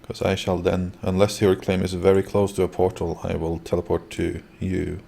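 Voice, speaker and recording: Very low, creaky-voiced male streamer. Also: level tone, moderate pace, dark tone. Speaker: livestream host. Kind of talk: casual livestream chat.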